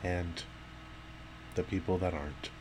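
Man, company podcast host, very low voice, dry jokey delivery, noisy line. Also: unhurried. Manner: deadpan, playful jokes. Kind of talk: joking casual podcast chat.

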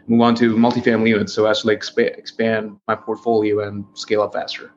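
A man's voice: fairly low pitch, level tone, quick pace. Man on a dull, lo-fi line. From India. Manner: earnest, filler-heavy with frequent likes. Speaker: real estate investor guest. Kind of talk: casual interview answer. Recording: dull lo-fi sound with faint noise.

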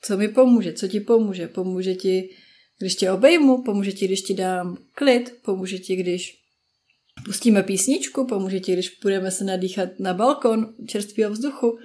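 A woman's voice: medium pitch, dark tone. A woman in her thirties, a parenting podcast host, talking in a chatty, casual way and briefly acting out friends and children. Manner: chatty, acts out friends and children in quick asides. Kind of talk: casual solo talk.

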